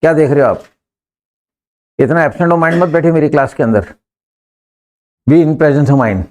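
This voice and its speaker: A man's voice: on the high side, unhurried, a little mellow. A man teaching in a classroom, drilling his students on sentences and coaxing them to answer and repeat. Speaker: English teacher.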